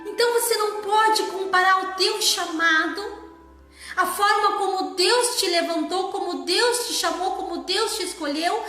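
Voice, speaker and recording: High bright woman preaching slowly. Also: soft background music. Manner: slow, emphatic preaching with sung phrases. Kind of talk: sermon. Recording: echoey room.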